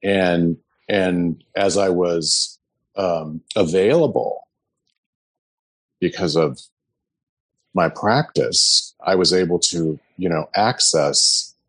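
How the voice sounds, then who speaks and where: A sangha member gives an earnest, hesitant personal testimony to his meditation group, full of fillers. His voice sits low and is a bit bright, and he speaks slowly with long pauses, with no echo.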